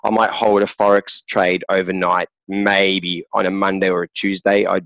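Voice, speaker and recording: Man, low voice, relaxed explaining, muffled dry recording. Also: moderate pace, creaky, dry recording. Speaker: guest day trader. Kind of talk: casual interview chat.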